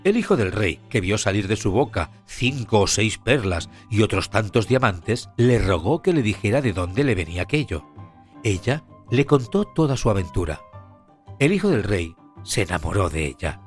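Expressive male fairy-tale narrator. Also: on the low side, moderate pace. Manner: expressive, storytelling cadence. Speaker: storyteller. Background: faint music.

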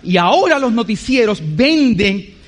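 A man's voice: high voice, sing-song, unhurried. A man preaching a sermon, emphatic, acting out what other people say.

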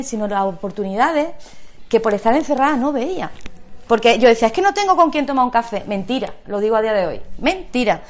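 Woman, guest speaker; bright high voice, animated and coaxing, talks straight to the room. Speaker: guest speaker at a community talk. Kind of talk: encouraging talk to a live audience. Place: community centre room.

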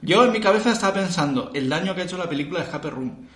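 Animated man from in an echoey room. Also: sits high, rapid-fire. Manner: animated storytelling, acts out customers' lines. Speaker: escape room game master. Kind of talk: casual podcast chat.

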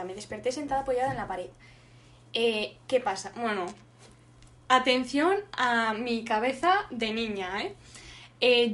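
Lively young woman podcaster. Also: fairly high pitch. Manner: animated storyteller, laughs often. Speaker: podcast co-host. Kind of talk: casual chat.

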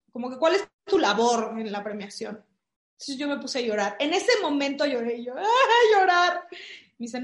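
A woman with a Mexican Spanish accent, telling a story in casual chat, full of fillers. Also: a little high. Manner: animated storytelling with many fillers. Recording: echoey room.

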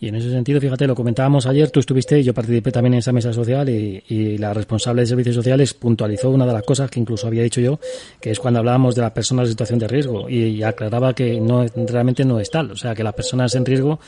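A man's voice: mid-range voice, steady tone, fast talker, crowd noise. A man hosting a radio interview, thinking aloud and tagging his remarks with questions. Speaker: radio host.

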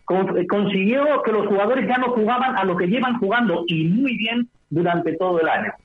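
A man's voice: high voice, moderate pace. A man, a basketball commentator heard over a telephone line, analysing a game in long, fluent runs with rhetorical questions. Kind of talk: sports analysis over the phone on radio. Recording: tinny phone line.

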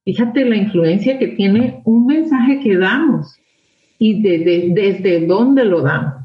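A woman's voice: mid-range voice, animated, slow. A middle-aged woman with a Mexican accent, talking through her parenting experience in a reflective conversation, asking herself rhetorical questions. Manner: talks things through aloud, many rhetorical questions. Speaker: guest sharing her experience. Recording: roomy, dull lo-fi sound.

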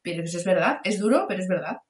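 A woman's voice: fairly low pitch, lively intonation, racing. Frank woman in an echoey room. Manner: frank, opinionated, retells scenes. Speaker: film podcast co-host. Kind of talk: casual film discussion.

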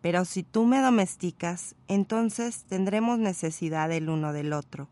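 A woman voicing a wistful, patient male fox, explaining calmly while reading a story aloud. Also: fairly low pitch, normal speed, natural voice. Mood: earnest.

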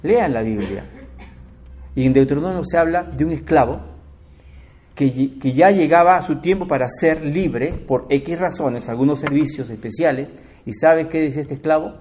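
Animated Spanish-speaking preacher man. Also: moderate pace. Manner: animated preaching, swings from loud emphatic lines to low quiet asides; asks listeners direct questions. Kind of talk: sermon.

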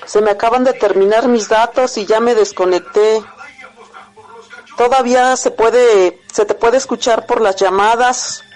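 A woman's voice: a little high, fairly even intonation, unhurried, a little mellow, faint music behind, low-quality recording. A woman leaving a casual message as a listener of a show. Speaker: caller.

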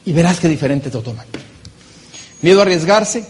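A man giving a motivational business talk from a conference stage, animated and full of rhetorical questions. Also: a little high, fairly quick, slight background noise. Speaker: conference speaker.

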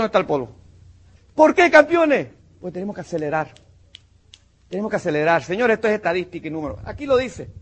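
A man from Panama fires up a room of new business recruits with a punchy, emphatic motivational talk. His voice sits high and carries a husky edge. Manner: punchy and emphatic, calls listeners "campeón" and "mi hermano". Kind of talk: motivational talk to a live audience.

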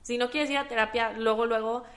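A woman on a panel, speaking in a measured way and mixing in English phrases. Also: on the high side, fairly even intonation. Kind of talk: casual panel talk.

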